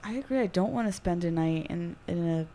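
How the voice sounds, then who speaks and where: A woman with a somewhat low voice chatting on a podcast, light and talkative, with a faint hiss of noise behind her. She stumbles into quick restarts as she answers. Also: dark tone. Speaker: podcast guest. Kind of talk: casual podcast chat.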